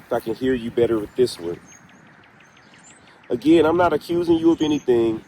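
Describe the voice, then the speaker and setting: A man hosting a paranormal session, speaking deliberately with pauses as he puts direct questions to an unseen spirit. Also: mid-range voice, expressive, mellow, a little hiss or hum. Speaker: paranormal investigator, host. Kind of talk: slow spoken questioning in a spirit box session.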